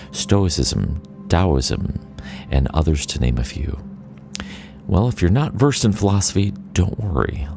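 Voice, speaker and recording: A man hosting an interview podcast, his voice sitting very low with a gravelly fry at the bottom. He opens with a polished scripted welcome, then settles into an easy chat with his guest. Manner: polished scripted intro, then relaxed and chatty. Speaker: podcast host.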